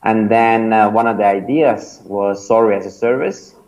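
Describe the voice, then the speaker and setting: A man in his thirties, a native Estonian speaker with an Estonian accent, is a startup founder and mentor answering interview questions casually and hesitantly, full of fillers and restarts. His voice sits fairly low and a little mellow, at a moderate pace. The sound is lo-fi.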